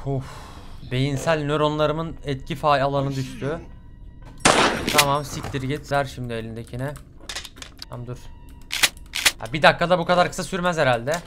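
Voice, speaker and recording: A young man commentating his own horror game playthrough, swearing often, bursting into yells and slipping into English curses. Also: mid-range voice, normal speed, pauses often, heavy background noise. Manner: excitable, swears a lot, sudden yelling outbursts. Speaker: gaming channel host. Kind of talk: let's play commentary.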